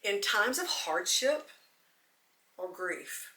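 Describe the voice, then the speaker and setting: A woman's voice: mid-range voice, expressive, very slow, bright, forceful tone, far from the mic. A woman hosting a devotional podcast, earnest and teary, repeating phrases for emphasis. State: teary, close to choking up. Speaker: podcast host. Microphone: camera recording. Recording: echoey room, voice off-mic.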